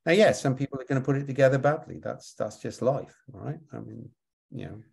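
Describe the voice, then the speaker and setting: A man's voice: medium pitch, a little fast, vocal fry, darkish tone, slightly rough. A man answering audience questions in a webinar, explaining with repeated words and frequent "right?" tags.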